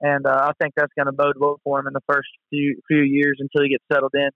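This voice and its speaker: A man's voice: medium pitch, monotone, fast, no room sound, narrow, tinny audio. A man chatting casually about sports as a co-host, enthusiastic and full of bro-ish slang, often repeating himself. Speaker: co-host of a sports talk show.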